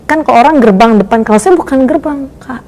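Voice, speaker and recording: A woman's voice: sits high, fairly quick. A young woman telling her personal story in a casual interview, acting out the voices of the people in it. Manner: lively storyteller acting out quoted dialogue. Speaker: guest sharing her conversion testimony.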